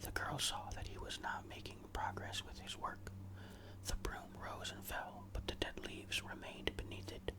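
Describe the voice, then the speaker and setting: In an entirely unvoiced whisper, a storyteller narrates a ghost story ASMR-style, keeping it slow, hushed and suspenseful.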